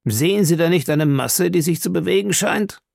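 Man voicing an eager, gravelly harpooner. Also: fairly high pitch, expressive, normal speed, a little mellow, no echo, clean studio sound, voice pushed up. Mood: insistent. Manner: eager, exclaiming. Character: eager rugged male harpooner, blunt and excitable.

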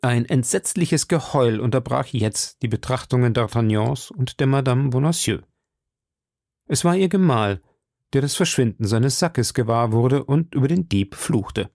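A man reading a classic novel aloud, with steady, measured storytelling. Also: mid-range voice, no echo, studio quality. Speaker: reader.

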